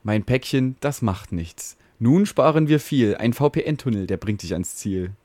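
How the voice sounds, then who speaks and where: A man's voice: mid-range voice, animated, measured pace, a little mellow, no echo, close to an everyday voice. Router, male, boastful and fatherly, ballad rhythm, dry sound, a man doing it. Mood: soothing. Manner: rhyming ballad recitation, soothing and self-important. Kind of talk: comic poem recitation.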